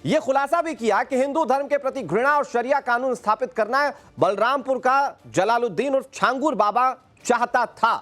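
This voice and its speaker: A man's voice: very high-pitched, normal speed, few pauses, fairly bright tone, faint music behind. A man presenting the news from the studio, speaking in a dramatic, emphatic way. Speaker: news anchor.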